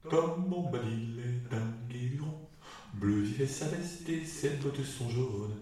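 A man singing slow verses in a drawn-out way. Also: medium pitch, mellow. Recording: distant, very echoey sound.

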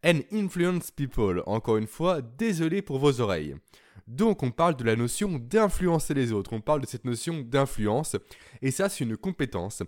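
A man's voice: mid-range voice, darkish tone. A man hosting his own podcast, talking listeners through a self-improvement topic in a chatty, explanatory way with self-deprecating asides. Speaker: podcast host. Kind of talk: solo podcast monologue.

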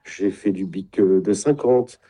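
A middle-aged man, a guest in an interview, talking in a reflective way and often pausing to search for words. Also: low-pitched, mellow, slightly rough. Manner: describes himself as introverted. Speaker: guest, sailing retreat founder. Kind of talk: casual interview talk.

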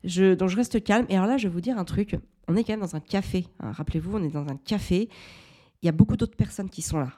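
A woman's voice: medium pitch, quick pace, mellow. A woman in her thirties, hosting a parenting podcast, who tells a personal story in a candid, reflective way with frequent restarts.

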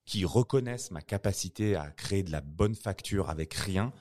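Un homme, réalisateur invité, raconte son parcours dans une discussion détendue, avec beaucoup d'hésitations et d'argot. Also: male voice, low-pitched, lively intonation, normal speed, darkish tone. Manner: slangy, rambling with many fillers and restarts. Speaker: filmmaker guest. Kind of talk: casual interview chat.

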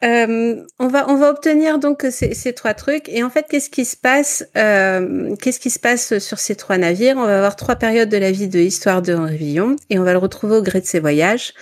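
A woman's voice: mid-range voice, normal speed, few pauses. Chatty Frenchwoman presenting a novel. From northern France. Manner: chatty, self-mocking, lots of fillers and restarts. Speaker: book club member presenting a novel. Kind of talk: casual book club chat.

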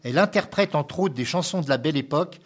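A male radio host with a slightly high voice narrates a singer's biography between songs. His delivery is steady and scripted, the measured manner of a presenter reading from notes.

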